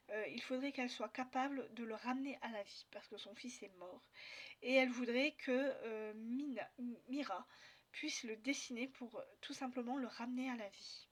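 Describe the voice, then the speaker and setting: A French woman vlogging about her reading, talking casually with many pauses, fillers and restarts. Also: on the high side. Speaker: book vlogger. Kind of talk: casual book review chat.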